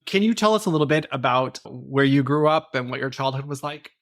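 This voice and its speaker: A man's voice: medium pitch, brisk. A man hosting a podcast who reads guest introductions carefully and asks plain follow-up questions. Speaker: podcast host. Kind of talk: podcast interview.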